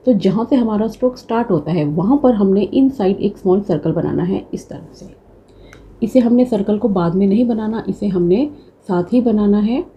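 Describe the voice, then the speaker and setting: Mellow-voiced woman teaching shorthand. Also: medium pitch. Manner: patient step-by-step explaining, mixing English terms. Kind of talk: classroom lecture.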